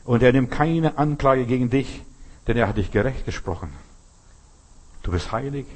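A man's voice: medium pitch, animated, normal speed, darkish tone. A man preaching a sermon, emphatic and speaking straight to the listener with rhetorical questions.

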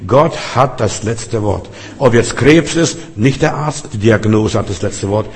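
Emphatic preacher in a big church. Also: male voice, lowish voice, measured pace. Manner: emphatic, repeating refrains with sudden loud and soft swings. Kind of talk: sermon. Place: Berlin Cathedral. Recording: long reverb of a large church.

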